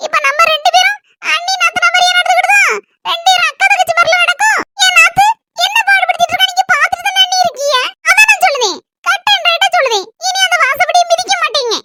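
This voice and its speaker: A woman's voice: very high-pitched, fast talker, very noisy, pitched above the performer's own voice. A young woman acting a nosy, scolding old village mother-in-law in a comedy sketch, speaking with a Kanyakumari Tamil accent. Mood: boastful. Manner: nosy, loud, complaining.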